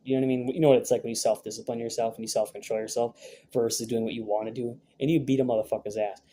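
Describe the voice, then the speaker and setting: A man's voice: mid-range voice, fairly even intonation, rapid-fire, mellow, a little hiss or hum. A young man vlogging, telling a rambling, profane story in a brash, casual way with many fillers.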